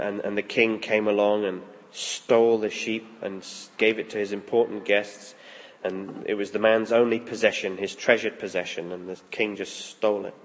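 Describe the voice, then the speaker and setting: A man leading a church service as pastor, praying softly and slowly with long pauses, then reading scripture aloud with rising emphasis. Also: lowish voice. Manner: slow, soft prayer with long pauses. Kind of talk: prayerful sermon. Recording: long hall reverb.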